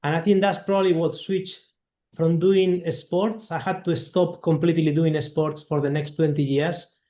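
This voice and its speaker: A man's voice: a little high, fairly even intonation, moderate pace, warm tone, reverberant. A man from Spain with a Spanish accent, speaking as a guest composer in an interview, thoughtful and hesitant with many fillers. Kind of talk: interview conversation.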